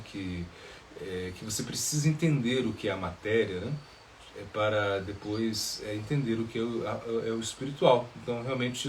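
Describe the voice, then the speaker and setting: A man, a monk, answering questions in a live spiritual talk, pausing often with filler sounds and tag questions. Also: fairly low pitch, a little hiss or hum.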